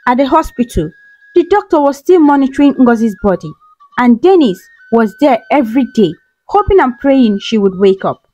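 A woman narrating a folktale in an expressive, lilting storytelling style. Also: a little high. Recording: slightly dull recording with soft music.

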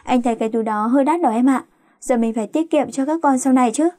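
Woman voicing a polite young man, flustered, hesitant, gentle, mellow tone. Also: high-pitched, quick pace, dry recording, clean studio sound.

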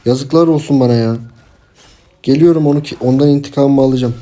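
Young male gamer, mellow voice, casual running commentary with frustrated outbursts. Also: mid-range voice, a little fast. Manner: chatty, frustrated outbursts, talks to teammates. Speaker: gameplay streamer. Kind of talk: casual live gameplay commentary.

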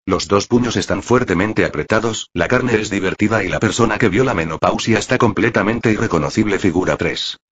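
A man reading a translated web novel aloud in a flat, machine-like way. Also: fairly low pitch, fairly quick, hardly any pauses, slight background noise. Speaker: narrator. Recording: dull lo-fi audio.

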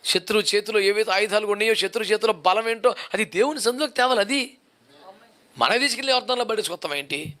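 High bright-voiced preaching pastor. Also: male voice, fast. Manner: fires repeated rhetorical questions, drilling points home. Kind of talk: sermon.

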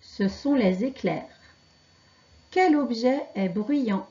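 A woman teaching children to read, pronouncing syllables and words slowly and carefully. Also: fairly high pitch, lively intonation, mellow, muffled recording. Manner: slow, carefully articulated dictation. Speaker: reading teacher. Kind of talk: slow reading lesson for children.

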